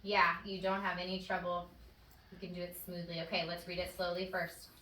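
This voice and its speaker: A first-grade teacher with a lowish, monotone, fairly quick voice that sounds pushed and bright leads a phonics lesson with a child, staying patient and encouraging. The classroom audio is echoey and distant, with slight background noise.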